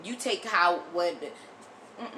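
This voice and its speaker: A woman's voice: on the low side, lively intonation, drawn-out words, sharp tone, slight background noise. An American woman delivering an impassioned, blunt opinion monologue as a video commentator, emphatic and repeating phrases for force, often swearing. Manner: frequent swearing.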